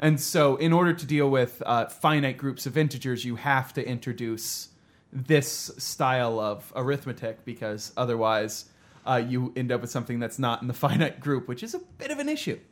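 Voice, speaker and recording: A man's voice: medium pitch, fairly even intonation, normal speed. A man co-hosting a casual math podcast, explaining at length, teasing the others and laughing often. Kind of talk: casual panel chat about math.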